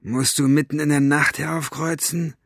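A man's voice: on the high side, steady tone, moderate pace, vocal fry, husky, no room sound, clean studio sound, pitched above the performer's own voice. A man voicing Basta, a sneering, commanding henchman with a gun, in an audiobook reading. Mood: menacing. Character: menacing male henchman with a shotgun.

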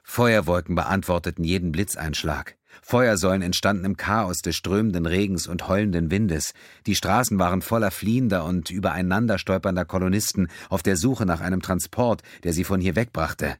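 A man reads a science fiction novel aloud with steady narration. His voice is very deep. The recording is dry and close to the mic. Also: normal speed, no room sound. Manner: steady storytelling. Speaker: audiobook narrator. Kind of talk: scripted narration.

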